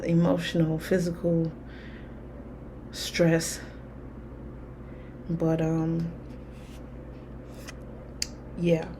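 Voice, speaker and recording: A woman's voice: lowish voice, warm tone, slight background noise. A woman talking candidly to camera in a rambling, casual way, full of fillers. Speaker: spiritual vlogger. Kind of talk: casual personal talk to camera.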